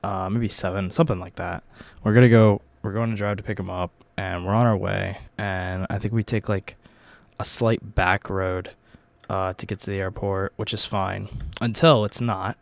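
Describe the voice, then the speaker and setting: A man's voice: sits low, steady tone, moderate pace, creaky, no echo. A young adult American man, hungover, telling a personal story in a casual, rambling, profanity-laden vlog style. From Virginia, United States. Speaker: YouTube host telling life stories.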